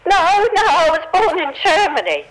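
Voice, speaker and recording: A sixty-year-old female prize winner on a phone line, breathless and gushing. Her voice is high and swoops wildly as she stammers along. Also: sing-song, moderate pace, fairly bright tone, full character voice. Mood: flustered. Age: 60s. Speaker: caller.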